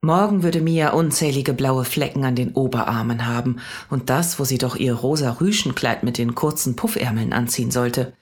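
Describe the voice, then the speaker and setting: A woman reading a children's story aloud, calm and steady. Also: very deep voice, normal speed, hardly any pauses, breathy edge, soft background music. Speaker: narrator.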